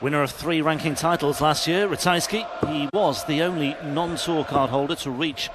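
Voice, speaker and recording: A man's voice: on the high side, normal speed. A man giving live darts commentary as the lead commentator. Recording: clear venue noise behind the commentary.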